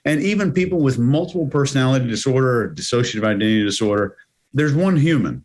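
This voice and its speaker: A man's voice: medium pitch, animated, quick pace, a little mellow. Man on a panel, half joking, half lecturing. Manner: joking, then lecturing through definitions. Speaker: panel analyst. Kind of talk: casual panel commentary.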